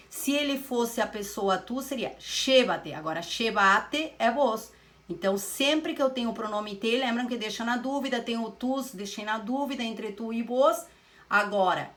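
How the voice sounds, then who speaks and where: A woman leads a grammar lesson in a somewhat high voice. She works through each rule step by step. She often asks a question and then answers it herself. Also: fairly bright tone. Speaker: Spanish teacher. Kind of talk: recorded classroom lesson.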